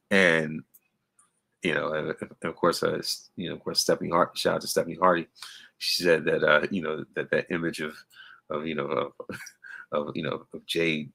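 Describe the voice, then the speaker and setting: A man's voice: rumbling low, creaky, pushed and bright, slightly rough, poor audio. A man giving a casual, rambling wrestling recap, full of fillers and restarts. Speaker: wrestling commentator.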